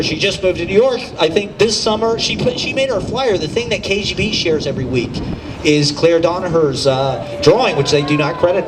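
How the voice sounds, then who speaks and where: A male host with a high voice gives casual, rambling and effusive introductions to performers. He is a bit far from the mic, with clear outdoor noise around him. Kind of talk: casual live stage announcing. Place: outdoor rooftop show. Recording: distant mic, loud open-air noise.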